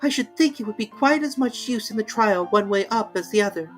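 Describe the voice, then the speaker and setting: A woman's voice: mid-range voice, expressive, fairly quick, soft background music, voice pushed up, lightly acted. A woman voicing a curious, prim young girl who argues matter-of-factly. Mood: indignant.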